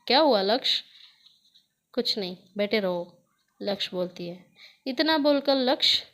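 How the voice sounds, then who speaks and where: Woman narrating a romance story, slightly high voice, steady reading, mixes in english words.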